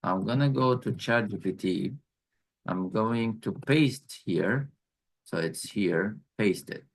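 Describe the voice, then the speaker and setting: Slow, gravelly male instructor. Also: on the low side. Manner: slow, repeats key points. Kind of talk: online class teaching.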